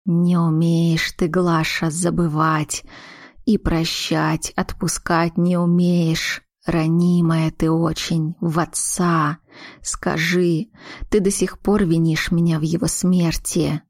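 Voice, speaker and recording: A woman reading a stern older mother who talks in a low, slow, weighty way. Her words come out blunt and sharp-tongued. The recording is dry and close. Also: level tone, dry recording.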